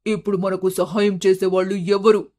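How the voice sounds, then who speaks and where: Actor playing a grief-struck middle-aged shopkeeper, loud, scolding, high for a man, animated story. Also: moderate pace, natural voice. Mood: grieving. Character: anguished middle-aged male cloth-shop owner, harsh-tongued.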